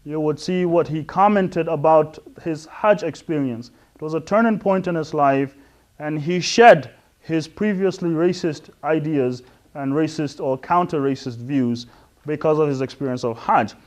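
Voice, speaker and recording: A middle-aged man from West Africa giving an earnest introductory talk on religion, explaining step by step with frequent pauses and restarts. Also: a little high. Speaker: Islamic lecturer.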